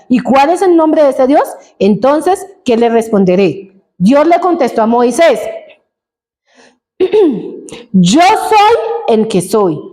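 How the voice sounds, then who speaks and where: High-voiced woman preaching a sermon. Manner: animated, asks the congregation questions. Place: church.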